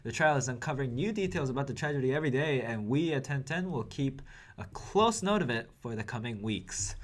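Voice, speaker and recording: Wry young male news anchor. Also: mid-range voice. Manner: editorial, wry commentary. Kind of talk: news report with personal asides.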